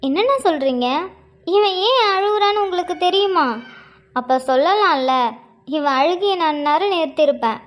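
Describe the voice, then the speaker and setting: A young cartoon mother, played by a woman, with a very high voice. She coaxes her baby fondly but answers teasing with sharp comebacks. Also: lively intonation, moderate pace. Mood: coaxing. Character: young mother, fond and easily exasperated. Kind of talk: cartoon voice acting.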